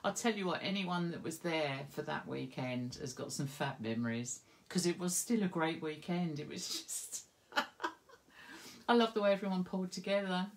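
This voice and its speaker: A woman with a lowish voice talks at a normal pace while hosting a craft video. She chats casually with viewers, giggling through meandering stories, and sounds slightly stuffy from hay fever.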